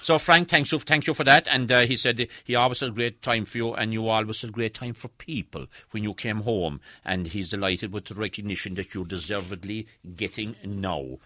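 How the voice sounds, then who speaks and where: Bright, forceful Irish radio host. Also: male voice, fairly low pitch, brisk, few pauses, no room sound. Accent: Irish, southwest. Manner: chatty, interjecting, repeats himself. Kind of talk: casual interview chat.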